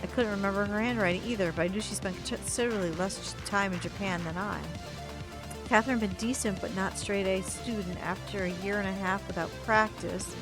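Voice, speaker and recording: A woman streamer reading a story game's narration aloud, expressive, with asides and small stumbles. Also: medium pitch, a little fast, over music.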